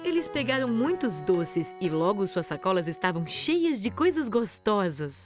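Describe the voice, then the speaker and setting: Lively woman narrating a children's story. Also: medium pitch, normal speed, music in the background.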